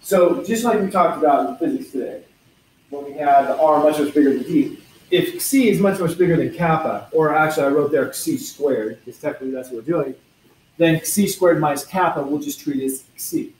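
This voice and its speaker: This lecture recording is low quality with slight background noise, capturing a man whose slightly high, darkish voice moves at a normal pace. He teaches university physics, working equations step by step, self-correcting and making chatty asides to the class.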